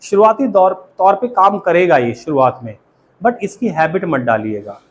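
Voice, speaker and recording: A man's voice: high-pitched, very animated, normal speed. A man with an Indian accent teaching a spoken English class, often quizzing the students and having them repeat after him. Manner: asks the class questions and has them repeat.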